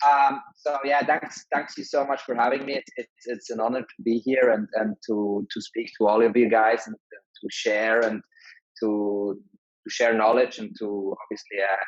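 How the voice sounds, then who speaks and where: A husky-voiced man in his thirties, talking English. He chats in a friendly, halting way, restarting his sentences often. The sound is dry and a little dull, like an online call. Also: on the low side, little pitch movement, no echo. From Switzerland. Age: 30s. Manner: friendly, many restarts and fillers. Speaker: guest, digital nomad entrepreneur. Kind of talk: casual interview talk.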